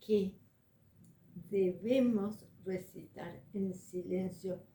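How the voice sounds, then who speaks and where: A woman teaching a religious lesson as a spiritual coach, measured and deliberate, pausing often to find her words. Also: on the low side, gravelly, dark tone, reverberant.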